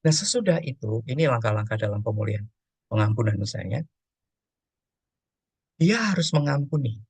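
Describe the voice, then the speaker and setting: Pastor, male, gravelly voice, dry close sound, storytelling teacher who acts out prayers. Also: mid-range voice, big pitch swings, normal speed, a little mellow, no room sound. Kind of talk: teaching session on emotions and prayer.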